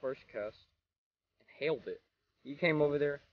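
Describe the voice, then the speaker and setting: Through narrow, tinny audio, a young teen fishing vlogger speaks at a moderate pace in a slightly high voice. Recording himself on a phone held at arm's length beside a small creek, he rambles easily about the trip, frequently saying "I don't know."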